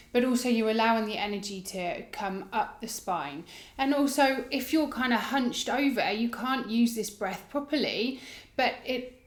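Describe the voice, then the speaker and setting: A woman with a fairly high voice gives breathwork instruction in an informal, explanatory style. She guides gently, letting her phrases end softly. The recording is roomy, with a clear echo around her voice. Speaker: yoga breathwork teacher. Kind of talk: instructional demonstration, casual explaining. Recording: roomy, echoing indoor sound.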